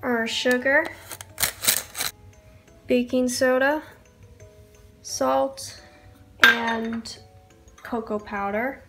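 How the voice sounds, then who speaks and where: Loud music sits behind the voice of this young adult baking vlogger, who has a cold and walks through a casual recipe tutorial in her home kitchen. She talks extremely slowly and pauses often, in a fairly high, steady voice.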